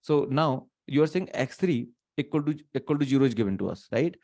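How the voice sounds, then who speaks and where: With a warm, mid-range voice, lively intonation and a fairly quick pace, a man in his thirties lectures live online in Indian-accented English, slipping into Hindi. He thinks aloud with frequent restarts and fillers. He's in a small room, recorded through a webcam setup not near him.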